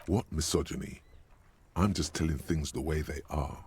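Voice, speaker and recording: An actor playing a detective's smug, needling inner voice that also narrates a game. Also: male voice, a bass voice, normal speed, a little mellow, slightly rough, heavily acted. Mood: sardonic. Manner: sardonic, needling.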